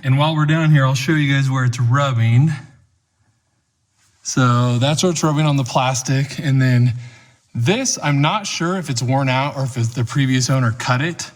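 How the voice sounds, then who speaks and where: Easygoing diy guy chatting thru car work in his garage, dry jokes, lots of roomy echo. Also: mid-range voice. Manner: laid-back, chatty, dry joking asides. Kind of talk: casual how-to narration. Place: home garage.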